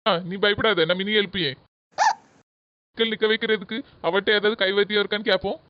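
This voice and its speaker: A woman's voice: mid-range voice, steady tone, fairly quick, smooth, no room sound, close to an everyday voice. A woman voicing a concerned, coaxing grown son in a comedy cartoon, pleading insistently with a southern Tamil Nadu accent, in muffled, noisy audio. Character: concerned, coaxing adult village son and husband. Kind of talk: comedy skit voice acting. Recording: muffled audio with hiss and clicks.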